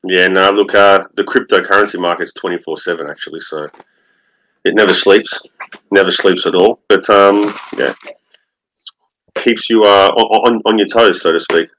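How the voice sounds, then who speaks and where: A middle-aged Australian man, a guest speaking over a video call, relaxed with many fillers. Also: low voice, moderate pace, rough recording. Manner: relaxed, fillers like um and you know. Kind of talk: interview.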